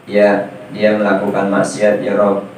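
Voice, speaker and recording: A man voicing body parts that solemnly confess as witnesses, dropping to a low, subdued voice, in an echoey room picked up from a distance. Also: monotone, a little slow, a little hiss or hum, close to an everyday voice.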